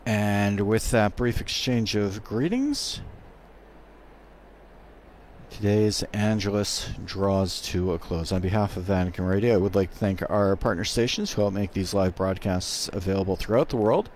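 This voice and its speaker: A man doing live radio commentary from a studio, interpreting a speech in short, halting phrases. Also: lowish voice, a little mellow, slight background noise. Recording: music audible behind. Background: music.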